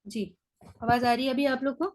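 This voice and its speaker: A woman teaching a beginners' grammar class online, explaining step by step and often checking in with her students. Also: high voice.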